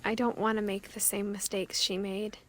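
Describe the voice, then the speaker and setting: An actress narrating as a young woman uncovering her family's secrets, speaking in a quiet, reflective way. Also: medium pitch, flat delivery, normal speed, slight background noise, lightly acted. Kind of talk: game narration.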